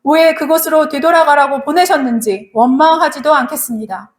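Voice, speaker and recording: A woman pastor delivers a Sunday sermon in a high voice. She speaks earnestly to the congregation, repeating her exhortations and asking them directly to respond. She also leads them in prayer. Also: brisk.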